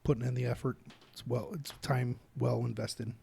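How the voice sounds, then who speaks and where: A middle-aged father co-hosting a casual family chat, talking in an earnest, meandering way. His voice is gravelly with a husky edge, at a mid pitch. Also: level tone, normal speed, mellow. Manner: rambling, earnest, restarts often. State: hiccups. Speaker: co-host, father.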